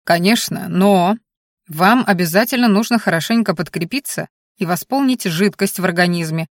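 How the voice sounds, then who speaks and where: A woman voicing a calm, businesslike male doctor who talks in a brisk, matter-of-fact way. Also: lowish voice, no echo, clean studio sound, lightly acted. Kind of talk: audiobook character voice.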